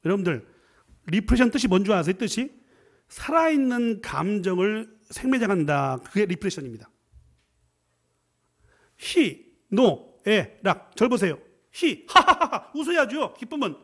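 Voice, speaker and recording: A middle-aged man gives a Friday prayer sermon as a guest professor, joking and moving between loud exclamations and quiet asides. His voice is high and very animated, at a moderate pace broken by long pauses.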